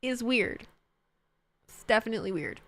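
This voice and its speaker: A woman's voice: a little high, lively intonation, normal speed, vocal fry, no room sound. A woman in her thirties streaming and chatting casually, rambling and correcting herself as she reads chat. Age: 30s. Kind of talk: casual livestream chat, reading chat.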